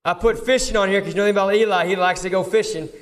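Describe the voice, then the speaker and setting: The speaker is a football coach handing out awards, casually reading a roster aloud to the audience. He talks very fast in a high, steady voice, with crowd noise and clear background noise from the live event.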